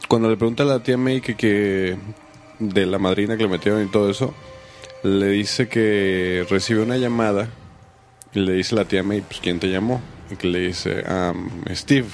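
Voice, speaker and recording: A man with a lowish voice tells an anecdote in a relaxed way on a casual podcast. Faint music plays behind him. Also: moderate pace. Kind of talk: casual chat.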